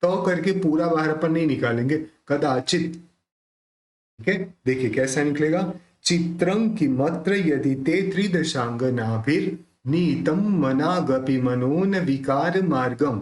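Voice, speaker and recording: Man, slightly high voice, slow deliberate recitation, patient explanations, echoey room. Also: darkish tone. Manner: explains patiently, then recites verses slowly in a drawn-out chant. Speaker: Sanskrit hymn recitation teacher. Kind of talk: pronunciation lesson with slow chanted recitation.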